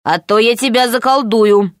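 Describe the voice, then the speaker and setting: A woman's voice: fairly high pitch, normal speed, dry recording, studio quality, natural voice. A woman voicing a bold, cheeky young boy.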